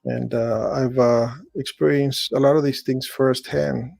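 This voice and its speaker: This middle-aged Chilean show host has a medium-pitched, gravelly voice with a darkish tone and a flat, unhurried delivery. He reads an article aloud, then comments on it casually and hesitantly, full of fillers and restarts.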